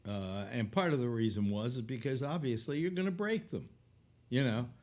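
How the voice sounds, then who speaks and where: A man's voice: mid-range voice, expressive, moderate pace, a little mellow. A man in his eighties hosting a casual chat show, rambling and wry, often restarting his sentences. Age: 80s. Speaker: host.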